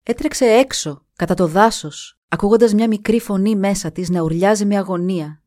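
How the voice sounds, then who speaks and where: A woman narrating a scripted story in a measured, expressive reading voice. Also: medium pitch, no echo, studio quality.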